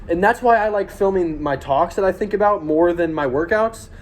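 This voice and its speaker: A man's voice: high voice, moderate pace. A young man giving an earnest, blunt, swear-heavy motivational monologue to viewers while walking on a treadmill. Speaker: vlogger.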